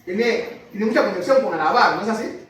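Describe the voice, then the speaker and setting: A man preaches in a church hall, teaching patiently and putting questions to his listeners. His voice is high. It rings with heavy echo and comes from some distance off the mic, with a faint room hum behind. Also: expressive, fairly quick, fairly bright tone. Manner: teaching, asks the congregation questions. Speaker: pastor. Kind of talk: sermon.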